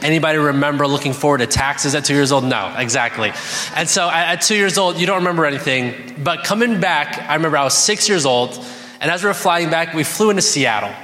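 A young man preaching as a pastor, energetic and calling out to the congregation. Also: on the high side, fast. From United States. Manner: energetic, calls out to the crowd. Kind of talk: sermon. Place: church hall. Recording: echoey hall with music.

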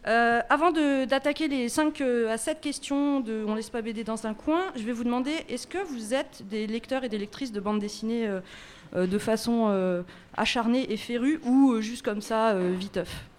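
A woman co-hosting a podcast before a live audience, introducing guests with playful, deadpan teasing. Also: on the high side, moderate pace. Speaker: podcast co-host.

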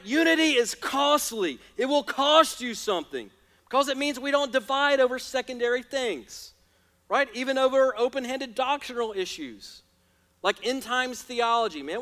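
A man's voice: very high-pitched, normal speed, fairly bright tone. An American man preaching a sermon in an emphatic, rallying way, with colloquial asides to his congregation. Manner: conversational, colloquial, often adds "right?" to check in with listeners. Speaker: preacher, church pastor. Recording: reverberant large hall.

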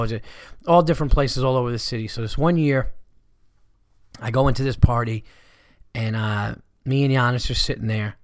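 A man speaks in a medium-pitched voice with a congested, stuffy nose, recorded close and dry. He rambles conversationally like a stand-up comic alone on his podcast, loose and unpolished, with the odd curse thrown in. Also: no echo. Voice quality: congested, stuffy-nosed from allergies. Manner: rambling, conversational, swearing freely. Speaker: stand-up comedian hosting a podcast. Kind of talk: casual podcast monologue.

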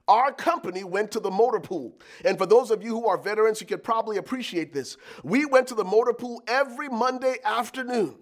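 A man's voice: high voice, a bit bright. A middle-aged man from Liberia, preaching a sermon as pastor with emphatic, repeated lines and calls to the congregation.

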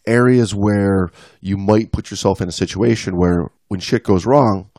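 Gravelly-voiced man chatting about diving. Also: on the low side, normal speed, no room sound, clean studio sound. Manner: animated, reads passages aloud with emphasis. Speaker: podcast co-host. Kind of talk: casual chat about diving.

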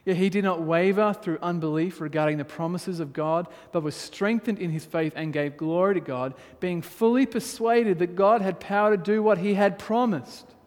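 A man's voice: high voice, normal speed, hardly any pauses. A man preaching a sermon as pastor, reading scripture aloud and then pressing his points with rising emphasis. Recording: long hall reverb.

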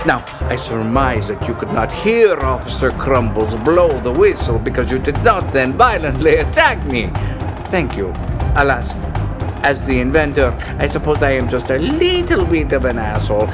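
A man's voice: medium pitch, very animated, over loud music, close to an everyday voice. A man playing a fussy, mildly evil doctor and shopkeeper, theatrical and pompous, in a comic audio drama. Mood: conspiratorial. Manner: pompous, florid, dramatic drawn-out delivery. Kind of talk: comic horror-host audio drama monologue.

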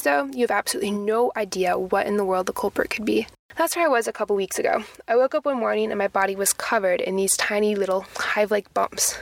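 A woman's voice: mid-range voice, creaky, no room sound. A young woman from the American Midwest hosting a podcast, reading her script in a chatty, wry, self-mocking way. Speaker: podcast host.

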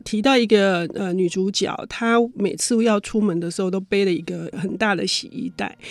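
A woman hosting a radio book show, asking her guest leading questions in a lively on-air manner. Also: medium pitch.

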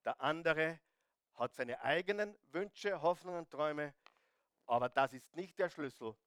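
A man preaching a sermon, animated, asking his listeners direct rhetorical questions and adding humorous asides. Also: fairly high pitch, unhurried, clean tone, no echo, studio quality. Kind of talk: sermon on marriage.

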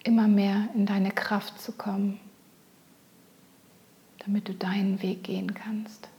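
A woman guiding a meditation in a soft, breathy near-whisper, gentle, soothing and unhurried. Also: mid-range voice, level tone. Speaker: meditation guide. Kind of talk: guided meditation.

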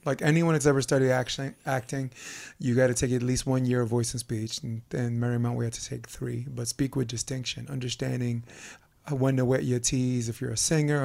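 A man with a Brooklyn accent hosting a casual podcast chat, talking in an animated way and repeating words for emphasis. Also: mid-range voice, creaky. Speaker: podcast host.

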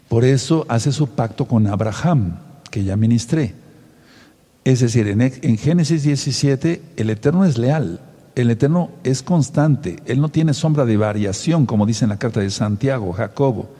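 A male preacher delivers his sermon emphatically, rising in pitch to stress key words. His voice is mellow and a little husky. A long reverb trails behind him. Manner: emphatic, spells out words letter by letter.

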